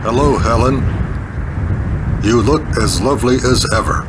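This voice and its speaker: Man playing brooding pilot hero, war-scarred, overwrought 1950s sci-fi parody drama, middle pitch, noisy recording. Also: lively intonation, a little slow, natural voice. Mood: wistful. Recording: echoey hall, clearly noisy.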